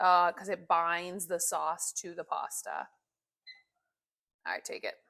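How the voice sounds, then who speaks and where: A woman's voice: fairly low pitch, sing-song, slow pace, gravelly, pushed and bright. A woman cooking pasta in her home kitchen, explaining each step in a chatty, casual way.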